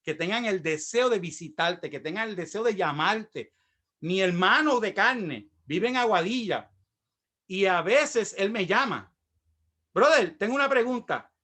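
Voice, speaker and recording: A man's voice: high-pitched, animated, measured pace, sharp tone. A middle-aged man with a Puerto Rican accent, a pastor telling his own story in a sermon and acting out the voices of the people in it. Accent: Puerto Rican Spanish. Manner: storytelling, acts out quoted voices. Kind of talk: sermon with personal testimony.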